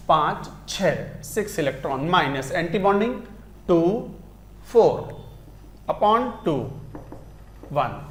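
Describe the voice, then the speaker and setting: A man with an Indian accent teaching chemistry, speaking in a fairly high voice at a slow, deliberate pace. He counts aloud step by step as he writes. The sound carries a roomy echo. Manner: counts aloud while writing on a board. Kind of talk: classroom lecture mixing Hindi and English.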